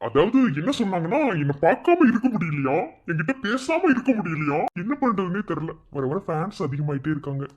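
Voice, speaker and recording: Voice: medium pitch, very animated, fairly quick, hardly any pauses. A woman voicing a playful, teasing young husband in a cartoon, boastful and cheeky. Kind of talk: animated cartoon voice acting. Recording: slightly muffled lo-fi audio.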